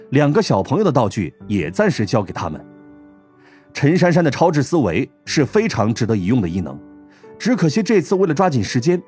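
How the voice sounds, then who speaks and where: A man narrating an audiobook in an expressive storytelling manner. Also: medium pitch. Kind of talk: scripted narration.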